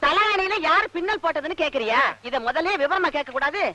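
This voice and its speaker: Casting: a chatty, fussy film mother, high bright voice. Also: lively intonation, quick pace, dry recording, exaggerated voice. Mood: doting. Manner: chatty and wheedling. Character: doting, fussy, teasing middle-aged mother.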